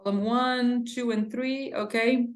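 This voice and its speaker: A woman's voice: fairly high pitch, fairly even intonation, slow. A woman with a Brazilian Portuguese accent, patiently teaching an English lesson and drilling pronunciation. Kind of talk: one-on-one language lesson. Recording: roomy echo.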